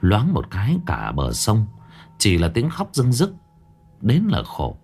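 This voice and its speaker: A man narrating a ghost story in a dramatic, expressive way. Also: fairly low pitch, measured pace, gravelly, slightly rough. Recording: faint background music under narration.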